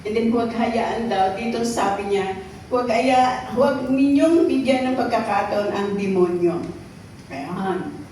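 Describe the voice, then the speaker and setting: In a church hall, a Filipino woman with a rather high, darkish voice preaches a little slowly, often asking the congregation "okay?" and "right?" The echoey hall is recorded from far off, and there's slight background noise.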